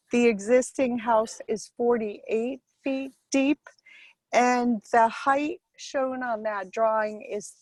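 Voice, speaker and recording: A woman on a car speakerphone call while driving, presenting a building plan to a review board in a measured, step-by-step way. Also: fairly high pitch, no echo, poor audio. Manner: measured, explains figures step by step. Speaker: applicant. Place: inside a moving car. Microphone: phone or car hands-free speakerphone.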